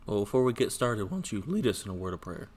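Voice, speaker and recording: A man's voice: on the low side, big pitch swings, fast talker, a little mellow, breathy edge. A man co-hosting a podcast in casual conversation, recorded in an echoey church sanctuary. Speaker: podcast co-host. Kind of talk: casual chat.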